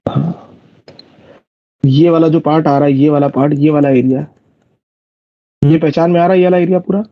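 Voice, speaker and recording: A man's voice: on the high side, fairly even intonation, moderate pace, no room sound. A man teaching math in a live online class, explaining step by step and checking whether his students follow. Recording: dull lo-fi dry recording.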